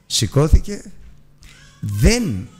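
A man's voice: mid-range voice, big pitch swings, slightly rough, faint music behind. A man teaching a Bible lesson, retelling a scripture story earnestly and addressing his listeners as brothers. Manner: earnest storytelling with emphatic rises and drops.

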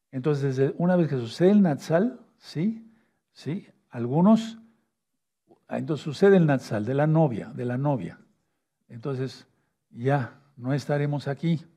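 Man preaching, husky dark voice, keeps asking "¿sí?", drags out key words. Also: fairly high pitch. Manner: asks "¿sí?" and "¿de acuerdo?" often, repeats key words slowly. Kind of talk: sermon teaching with a whiteboard.

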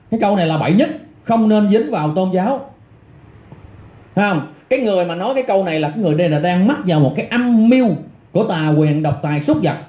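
A middle-aged man hurls insults in an angry, repetitive rant, his voice sitting high but sounding dark and mellow. He talks like an online commentator tearing into his critics. The sound bounces around a roomy, echoey space. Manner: insulting, scornful, repetitive ranting. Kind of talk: angry ranting monologue.

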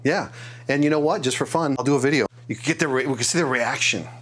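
A man's voice: medium pitch, fast, a bit bright, slightly rough. A middle-aged man vlogging at his home workbench, joking and laughing at himself as he tests a repaired console. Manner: jokey and self-deprecating, hums tunes and laughs at himself. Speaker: craft and repair YouTuber. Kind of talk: casual vlog narration. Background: retro video game music.

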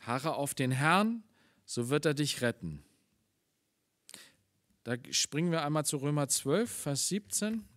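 A man preaching a Sunday morning sermon in German, reading scripture slowly and explaining it with earnest emphasis. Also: on the high side, lively intonation, fairly bright tone, dry recording. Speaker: pastor.

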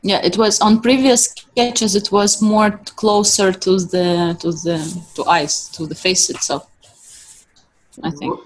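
A woman joins an art group discussion and offers careful, thoughtful suggestions. Her voice has an ordinary pitch. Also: steady tone, slow pace, poor audio. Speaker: meetup participant. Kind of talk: casual discussion.

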